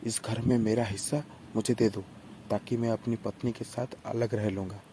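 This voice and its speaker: An indignant young husband rushes out his words in a low, dark voice, as a narrator puts him on. Faint noise hums beneath the recording. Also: fairly even intonation, natural voice. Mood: angry. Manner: hurried, indignant. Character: young husband, protective and angry.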